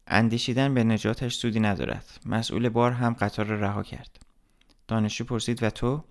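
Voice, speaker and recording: A man narrating a literary story as an audiobook, reading in a steady, measured way. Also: fairly low pitch.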